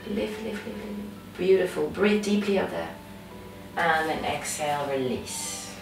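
Female yoga instructor, deep voice, encouraging cues; distant mic, strong room echo. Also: a little slow, gravelly. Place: yoga studio. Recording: echoey room from far off, music behind.

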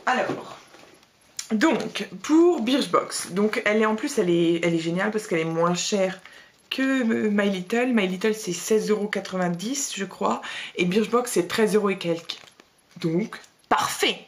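A woman's voice: medium pitch, expressive, unhurried. A young woman vlogging a casual beauty box review, chatty and blunt, with slangy asides and lots of fillers.

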